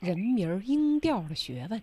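A woman's voice: medium pitch, very animated, moderate pace, dark tone. A woman hosting a radio English lesson, prompting the teacher with questions and cueing listeners. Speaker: radio host.

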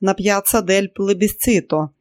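Man doing a showy, excitable young woman. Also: normal speed, dry recording, clean studio sound, close to an everyday voice. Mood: excited. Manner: high excited bursts, exclamations.

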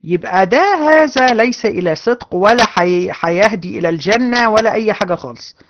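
A woman's voice: mid-range voice, expressive, fairly quick, muffled recording. A woman with an Egyptian accent teaching a religious lesson to a class of women, earnest and given to repeating her points. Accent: Egyptian Arabic. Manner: earnest, repetitive, addresses class directly. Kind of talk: hadith lesson to women students.

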